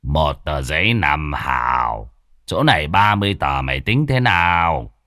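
A lecherous rich old landlord sneers in a slow, low drawl in a storybook tale, as a male narrator puts him on. His voice drops well below the teller's own and stays flat and heavy. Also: no echo, clean studio sound, full character voice. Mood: sneering.

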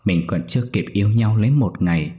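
A man's voice: on the low side, a little fast, mellow, lightly acted. A man playing a polite, grieving young man. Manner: humble and deferential.

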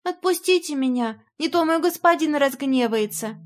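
A woman's voice: high-pitched, animated, moderate pace, voice pushed up. A woman voicing a frightened poor orphan boy who pleads with trembling fear. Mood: pleading.

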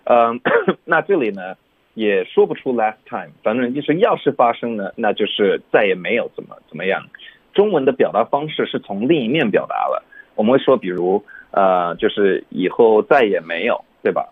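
A man teaching English on a radio show, patiently explaining phrases and slowing down to model pronunciation. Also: on the low side, big pitch swings, husky, no room sound. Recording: tinny phone-like line, dry.

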